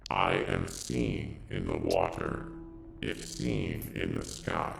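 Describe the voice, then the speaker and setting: A man voicing a cryptic, evasive robot oracle through a deep robotic voice filter, speaking in slow riddles. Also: gravelly, echoey room, exaggerated voice. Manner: slow, riddling, withholding answers. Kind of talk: tabletop game character voice.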